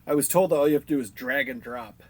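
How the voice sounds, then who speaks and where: A man's voice: a little high, quick pace. A man co-hosting a podcast in casual chat, telling a rambling story, swearing and laughing hard. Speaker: podcast co-host.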